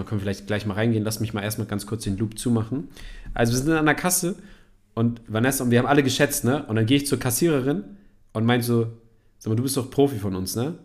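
A man in his thirties hosting a podcast in casual chat, animated and slangy, laughing often as he tells stories. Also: lowish voice. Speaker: podcast host.

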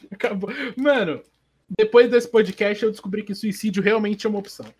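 A man's voice: sits high, fairly even intonation, moderate pace, a little mellow, breathy edge. A young man with a Brazilian Portuguese accent, co-hosting a podcast in slangy, joking casual banter. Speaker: podcast co-host.

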